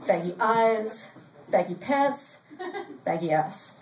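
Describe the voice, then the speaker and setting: An older woman reading her own story aloud at a live event, in a wry, deadpan storytelling manner. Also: medium pitch, slow pace, far from the mic. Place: bar event space, indoors. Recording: roomy sound from off-mic, faint crowd noise.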